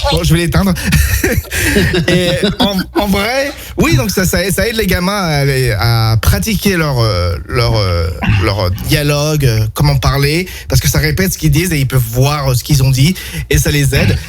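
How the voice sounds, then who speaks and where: A man's voice: fairly high pitch, lively intonation, moderate pace, a little hiss or hum. Hesitant man presenting on radio. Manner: hesitant, many fillers and restarts. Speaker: radio show co-host. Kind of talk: casual radio chat, presenting a gadget.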